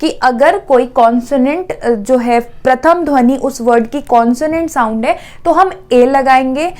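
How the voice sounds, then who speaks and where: A woman teaching an exam-prep grammar lesson, repeating words slowly and checking in often. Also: sits high, a little mellow.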